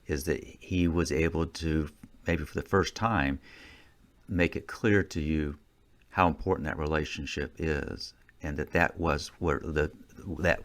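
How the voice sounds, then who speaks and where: A man hosting a podcast, asking his guest questions in a measured, deliberate way. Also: rumbling low. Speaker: podcast host. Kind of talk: interview questions.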